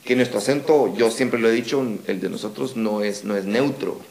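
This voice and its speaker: A man's voice: on the low side, normal speed, echoey room. A man with a Guatemalan accent, a guest in a casual podcast conversation about running a dubbing studio, who tells his story with animation and keeps checking in with "¿verdad?". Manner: animated storyteller who acts out quoted replies, tags lines with "¿verdad?".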